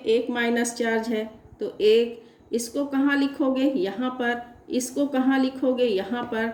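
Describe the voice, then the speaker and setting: A woman teaches chemistry at an unhurried pace, posing questions and answering them herself. Her voice sits a little high. The room around her is echoey. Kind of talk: classroom lecture at a board.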